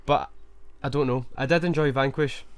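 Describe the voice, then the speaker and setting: A man's voice: mid-range voice, fairly even intonation, normal speed, no echo. A man co-hosting a casual games chat, giving opinions and thinking aloud with frequent restarts. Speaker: co-host.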